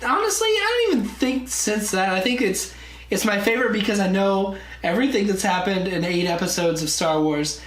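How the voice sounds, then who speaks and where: Female panel reviewer, mid-pitched, blunt and informal, with strong room echo. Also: expressive, a little fast. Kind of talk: casual group review chat. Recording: echoey room.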